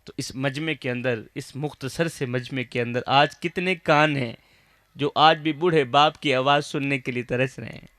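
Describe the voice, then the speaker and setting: A man with a Saraiki accent preaching an emotional, declamatory sermon to a gathering, calling his listeners brothers and rising at times to shouting. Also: mid-range voice, steady tone, no echo.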